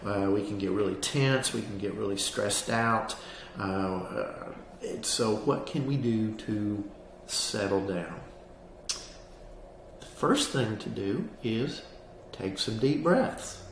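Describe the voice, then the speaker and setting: Male counselor, calm grounding-exercise delivery, plain and instructive, roomy sound with slight background noise. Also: lowish voice, slow pace, vocal fry. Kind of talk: explanatory lesson on anxiety grounding, spoken to camera.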